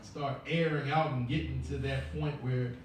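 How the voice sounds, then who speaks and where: A man's voice: mid-range voice, fairly even intonation, moderate pace, slight background noise. A man preaching a call-and-response sermon as a minister, his words answered by the congregation. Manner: preaching with rising intensity, building to shouts. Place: church sanctuary. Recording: echoey church heard from a distance with congregation responses. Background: congregation calling back responses.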